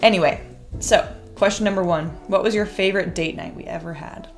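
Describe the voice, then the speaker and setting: A woman's voice: lowish voice, steady tone, brisk, music in the background. Chatty young woman co-hosting a podcast. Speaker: podcast co-host. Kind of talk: casual chat.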